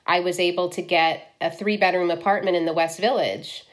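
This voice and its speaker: This is a woman in her fifties who grew up in Ohio, a film director being interviewed. She speaks in a somewhat low voice, candid and loose, with frequent ums and likes as she thinks aloud. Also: fairly even intonation, moderate pace. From Ohio, US Midwest. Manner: frank, lots of likes and ums.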